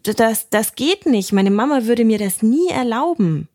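Curious little boy, voiced by a woman: soft, careful, raised pitch. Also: animated, a little slow, no room sound, clean studio sound. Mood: curious unsure. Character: small curious boy in pajamas.

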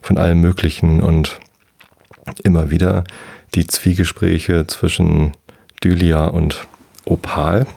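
A man hosting a sleep podcast, rambling gently with fillers as he reads a bedtime story aloud. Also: low-pitched, level tone, slow, gravelly, pauses often, slightly rough. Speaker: podcast host reading aloud.

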